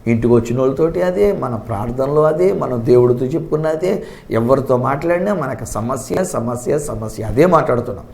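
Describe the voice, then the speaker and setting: A man preaching a sermon, swinging between quiet asides and emphatic, commanding declarations. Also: mid-range voice, animated, fairly quick, gravelly, a little hiss or hum. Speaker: pastor.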